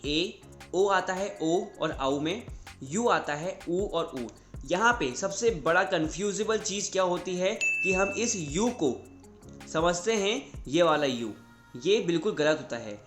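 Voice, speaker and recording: A man's voice: high-pitched, fairly bright tone, echoey room. A man teaching English grammar in Hindi, explaining step by step and answering his own questions.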